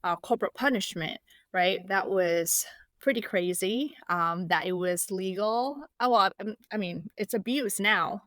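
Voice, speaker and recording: A woman's voice: mid-range voice, a little slow, a bit bright, no echo. A woman from Indonesia, a podcast guest, speaking casually with many fillers and restarts. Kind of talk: casual interview.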